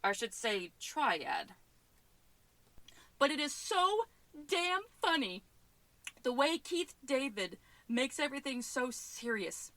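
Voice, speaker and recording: A woman's voice: sits high, very animated, slow, long pauses, fairly bright tone, no echo. A woman hosting a podcast, chatting casually about a movie, enthusiastic and often laughing. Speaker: podcast host. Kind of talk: casual movie review monologue.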